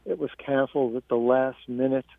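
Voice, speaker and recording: Gravelly male author on a phone line. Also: medium pitch, steady tone, no echo. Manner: measured, halting, with frequent restarts. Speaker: author being interviewed. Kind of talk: radio interview.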